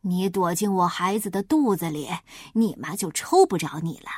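A woman voicing a hungry, sly father wolf in a storybook reading, talking low and matter-of-fact as he coaxes his prey. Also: big pitch swings, moderate pace, a little mellow, breathy edge, dry recording, studio quality. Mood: coaxing.

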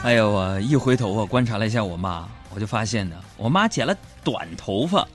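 A man's voice: fairly low pitch, animated, a little fast, faint music behind. A man hosting a comedy show, telling funny everyday stories in a chatty, playful way. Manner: chatty, playful, acts out quoted voices. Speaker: radio comedy host. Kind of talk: comic storytelling monologue.

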